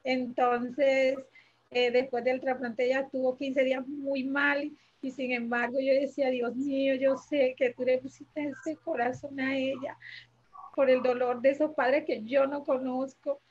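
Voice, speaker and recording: A woman's voice: sits high, level tone, measured pace, a little mellow, lo-fi sound. A woman telling her story as an interview guest, speaking hesitantly, searching for words and repeating herself. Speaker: interview guest, mother of a heart transplant recipient. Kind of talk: emotional personal testimony.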